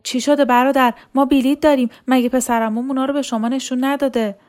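A woman's voice: sits high, voice pushed up, natural voice. A woman reading a storybook, voicing a frightened young woman who pleads with guards in a trembling voice. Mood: pleading, shaken.

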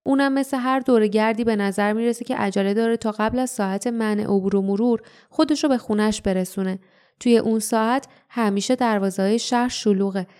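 A woman voicing a tough grown warrior who firmly explains the plan as the group's steady leader. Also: fairly high pitch, clean tone, close to an everyday voice. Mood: explaining. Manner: firm, explaining plans.

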